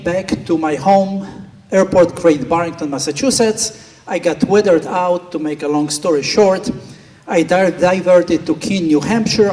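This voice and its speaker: Heard from a distance in a reverberant banquet hall, a middle-aged Polish flight instructor gives an earnest gala speech, telling a story that quotes inner voices. His voice is high-pitched with a darkish tone.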